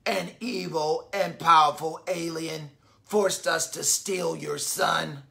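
A courteous robot chief from a children's storybook, as a male reader puts him on, dropping his voice low and quiet and drawing each phrase out slowly. The lines come in solemn, measured steps. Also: fairly even intonation, creaky, heavily acted. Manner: slow, low, hushed delivery. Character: polite grateful male robot leader.

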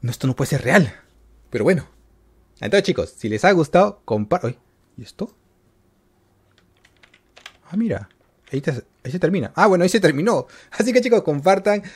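A man giving excited gameplay commentary to his viewers, yelping and shrieking when he gets caught. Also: on the high side, normal speed, pauses often, slightly rough. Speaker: gaming YouTuber.

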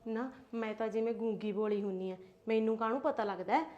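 A woman playing a touchy, high-voiced sister-in-law. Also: moderate pace, fairly bright tone, muffled recording. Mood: sulky. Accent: Punjabi. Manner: sarcastic, aggrieved, tag-questions. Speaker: husband's sister. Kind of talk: homemade family skit.

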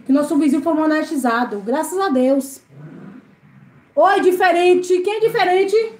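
A woman from Brazil greets her live-stream viewers by name and reads their comments while cleaning in her home's service area. Her high voice is a little slow and a little mellow. There is faint noise and an echoey room.

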